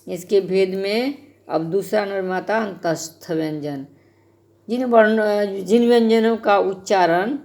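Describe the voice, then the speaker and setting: Slow-spoken woman teaching a grammar lesson. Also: medium pitch, a little mellow. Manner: slow, explanatory, addresses children directly.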